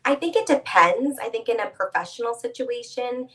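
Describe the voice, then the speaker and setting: A woman who teaches etiquette, guest on an interview show, explaining things in a measured, patient way. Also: a little high, animated, a bit bright, recorded from a distance. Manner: measured, explanatory, speaks with her hands. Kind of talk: conversational interview.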